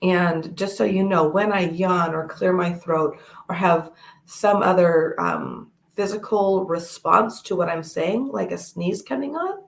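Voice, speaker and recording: Gravelly, low-voiced woman giving a reading. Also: roomy sound. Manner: gentle, measured, with fillers and pauses. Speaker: toe reader. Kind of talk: one-on-one reading to camera.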